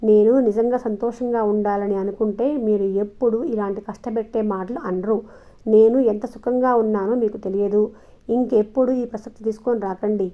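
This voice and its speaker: A woman voicing a gentle, caring young village mother who speaks softly and coaxingly, in a dull lo-fi recording. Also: medium pitch, steady tone, moderate pace, close to an everyday voice. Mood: tender. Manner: soft and coaxing.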